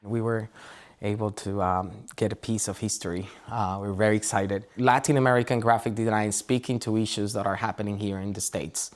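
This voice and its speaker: Man from Puerto Rico, relaxed storyteller. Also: lowish voice, a little fast. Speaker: graphic designer. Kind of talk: documentary interview. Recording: music bed underneath.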